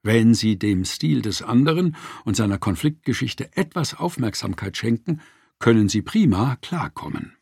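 Gravelly, husky male audiobook narrator. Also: mid-range voice, moderate pace, no echo, studio quality. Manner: lively, expressive reading.

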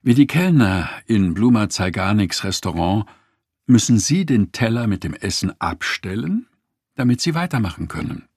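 Brief: man reading a nonfiction audiobook, lively pitch, dry close sound. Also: normal speed, slightly rough, no room sound. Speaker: audiobook narrator. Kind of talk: scripted audiobook narration.

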